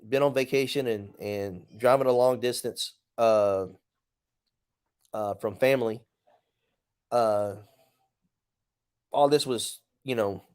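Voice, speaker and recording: A man hosting a casual podcast, thinking out loud in a loose, rambling monologue. He restarts his sentences, leans on fillers and talks bluntly, with the odd curse. His voice sits at an ordinary middle pitch. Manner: blunt, mildly profane. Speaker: podcast host.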